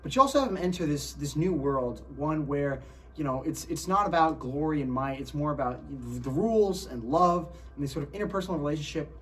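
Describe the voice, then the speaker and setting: A man's voice: on the high side, expressive, a little fast, a bit bright. Distant-miked man explaining his film project. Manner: conversational, seeks agreement with tag questions. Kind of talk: informal explanatory commentary. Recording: distant mic, faint background noise.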